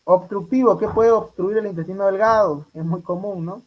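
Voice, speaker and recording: High-voiced man quizzing a medical class. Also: moderate pace, highs cut off. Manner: quizzing students, repeats answers back. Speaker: medical tutor. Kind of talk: exam review class.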